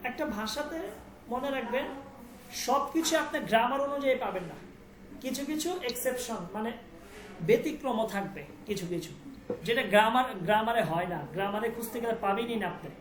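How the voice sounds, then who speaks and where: A woman teaching a language class, patiently repeating words slowly for her students. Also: a little high. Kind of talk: online class lesson. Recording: echoey room with background noise.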